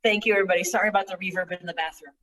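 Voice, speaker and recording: A woman's voice: medium pitch, fairly even intonation, rapid-fire, fairly bright tone. A woman comic telling a rambling, self-mocking stand-up story in an echoey bathroom with hard walls. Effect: echoey bathroom sound. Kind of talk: stand-up set over a live stream. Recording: echoey bathroom, far from mic.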